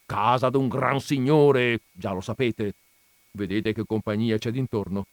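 A man's voice: fairly low pitch, steady tone, unhurried, no room sound. A man voicing a timid, fretful elderly village priest who scolds in a frightened hiss and fawns on his betters, in a dry recording. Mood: anxious, obsequious.

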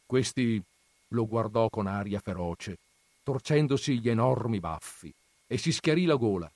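A man reading a literary story aloud as narrator, in a calm, unhurried manner. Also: on the low side, no room sound. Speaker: story reader.

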